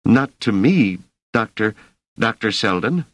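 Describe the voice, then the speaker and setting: A man's voice: fairly low pitch, very animated, slow pace, no echo, voice pushed up, heavily acted. A man voicing an earnest, eager young male laborer who never had schooling. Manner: earnest, pleading.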